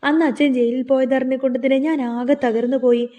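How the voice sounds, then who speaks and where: A scheming young wife from a television serial, reproachful and wounded in tone, read out by a woman narrator. The voice sits high and mellow, and the lines are spoken plainly rather than acted. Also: steady tone, brisk, close to an everyday voice.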